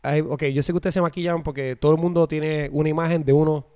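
Smooth-voiced Puerto Rican man chatting. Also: fairly high pitch, fairly even intonation, fast, darkish tone. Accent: Puerto Rican Spanish. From Puerto Rico. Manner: chatty, mixes English words into his speech. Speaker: podcast co-host. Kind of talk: casual chat.

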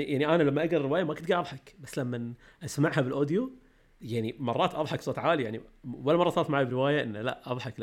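A man speaks in relaxed podcast chat. He rattles along at a very fast clip, eager and quick to laugh, at an ordinary mid pitch. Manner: rapid, enthusiastic, laughs easily. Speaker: podcast co-host. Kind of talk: casual chat.

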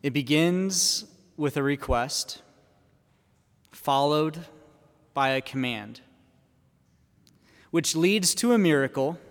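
A priest preaches into a pulpit microphone, taking his time and leaving room between his phrases. His voice sits a little high for a man. His words hang in a long church reverb. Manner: measured preaching, posing questions to the congregation. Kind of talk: Sunday homily.

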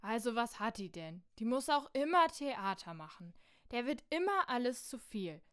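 A woman's voice: fairly high pitch, very animated, moderate pace, clean tone. A woman in a satirical stage comedy, pleading and fussy.

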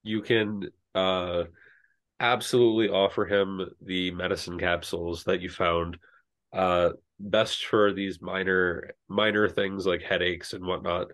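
A man narrates a tabletop game as game master. His voice sits very low and he talks slowly. He fills the pauses with plenty of ums and uhs. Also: flat delivery, fairly bright tone. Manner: unhurried, with many fillers.

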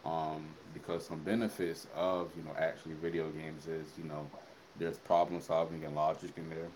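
A man in his twenties co-hosting a casual podcast chat, relaxed and rambling with plenty of fillers. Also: rumbling low, normal speed, a little hiss or hum, poor audio. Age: 20s. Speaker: podcast co-host.

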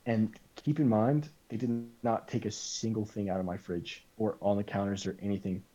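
A man as a podcast guest, telling a story casually, animated and full of "like" and quoted back-and-forth. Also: lowish voice, normal speed, dull audio.

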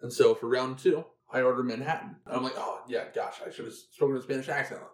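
A man's voice: mid-range voice, steady tone. A man tells a rambling story with jokes as he co-hosts a casual podcast. His voice sits in a middle range. The sound has a noticeable room echo. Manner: storytelling, joking, quick to laugh. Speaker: podcast co-host. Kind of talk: casual chat.

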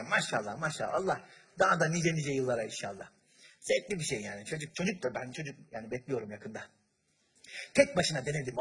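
A man from Turkey doing stand-up on a big theater stage, his high, bright voice carrying through a stage microphone. He tells stories with acted-out voices and keeps up a running banter with the audience. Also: husky. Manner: animated storyteller, acts out voices, chats with the audience. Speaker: stand-up comedian. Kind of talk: stand-up comedy with crowd work. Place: large theater stage before a live audience.

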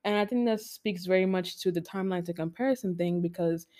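A woman's voice: on the low side, mellow. Young woman co-hosting a chatty faith podcast. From United States. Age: 20s. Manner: chatty, laughs often, drawn-out phrasing. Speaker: podcast co-host. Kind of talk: casual chat.

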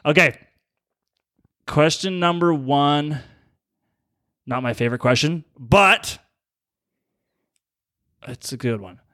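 A young man co-hosting a casual podcast, talking in quick animated bursts and laughing often. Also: a little high, no echo, studio quality. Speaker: podcast co-host. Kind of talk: casual chat.

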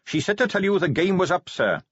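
A man's voice: high-pitched, big pitch swings, brisk, breathy edge, no echo, lo-fi sound, voice pushed up, full character voice. A man voicing an earnest, polite young watch captain in an audiobook, speaking in a straightforward way. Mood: dutiful, apologetic. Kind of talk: audiobook character voice.

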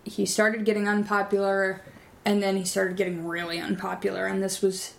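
Deadpan woman telling an absurd tale. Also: mid-range voice, normal speed, creaky. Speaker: podcast co-host. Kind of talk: improvised comedy storytelling.

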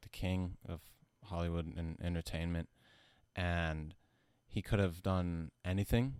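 A man who sounds high, talking casually about his music in a rambling, slangy, profane stoner manner. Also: clear, resonant tone, no echo. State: high from smoking. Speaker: musician being interviewed about own album. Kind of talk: casual chat.

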